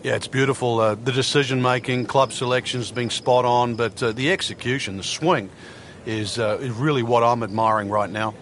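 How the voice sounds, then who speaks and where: A man working as a golf commentator, giving thoughtful, measured color analysis in a conversational way for a video game. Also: mid-range voice, fairly even intonation, a bit bright, natural voice. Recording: noisy outdoor crowd ambience behind. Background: crowd and outdoor noise.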